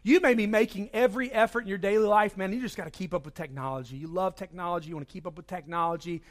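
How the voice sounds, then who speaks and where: A man's voice: sits high, fairly even intonation, very fast. A man preaching a conversational sermon to his congregation, acting out everyday inner voices. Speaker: pastor.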